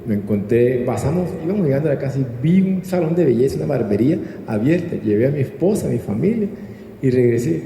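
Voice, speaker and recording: A pastor with a Colombian accent preaches a sermon in an echoey hall with long reverb and background noise. His mid-range voice is mellow and creaky, animated and fast, and he teaches didactically, posing rhetorical questions and having listeners repeat after him and answer.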